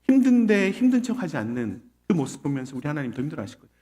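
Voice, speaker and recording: A man's voice: fairly high pitch, big pitch swings, rapid-fire, mellow. A middle-aged man preaching a sermon as a pastor, telling a personal story in a conversational way with rhetorical questions to the congregation.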